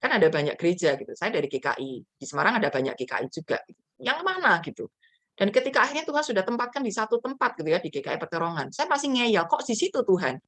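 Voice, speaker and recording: A woman's voice: medium pitch, big pitch swings, fast talker, a bit bright. A woman pastor preaching to students in a chatty storytelling way. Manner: chatty storytelling with frequent fillers. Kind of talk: sermon to a student fellowship.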